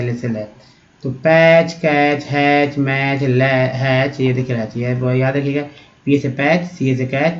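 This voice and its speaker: A man teaching English phonics, repeating sounds and words slowly. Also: mid-range voice, darkish tone, dull audio. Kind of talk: phonics lesson.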